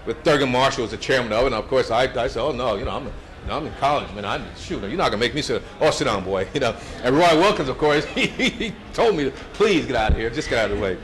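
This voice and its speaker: A man's voice: mid-range voice, lively intonation, fast. A man in his seventies giving a storytelling speech at a brunch event, anecdotal and chuckling, with many restarts. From United States. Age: 70s.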